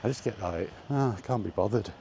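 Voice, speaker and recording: Walking while vlogging solo, a man grumbles and rambles casually, sounding tired, with ambient noise around him. His voice is fairly low and warm, he talks briskly, and a little hiss or hum can be heard.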